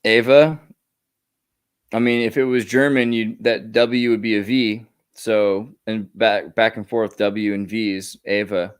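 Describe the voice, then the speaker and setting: A man's voice: lowish voice, little pitch movement, measured pace, hardly any pauses, clean tone. A man co-hosting a podcast, chatting casually and upbeat with lots of filler words. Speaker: podcast co-host.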